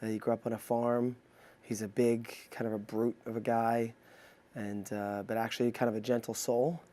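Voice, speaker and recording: A male actor in an interview, describing his character in a relaxed, storytelling manner. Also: medium pitch, moderate pace. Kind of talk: interview talk about a character.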